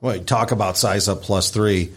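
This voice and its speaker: A man's voice: on the low side, fairly even intonation, normal speed, slightly rough. A man who is a show regular, giving conversational analysis.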